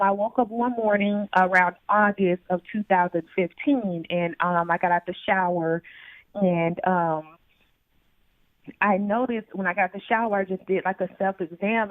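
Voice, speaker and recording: A woman's voice: medium pitch, dry recording. A woman heard over the phone, telling her story as an interview guest in a hesitant way with many fillers. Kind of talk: personal story told in an interview. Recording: tinny phone line.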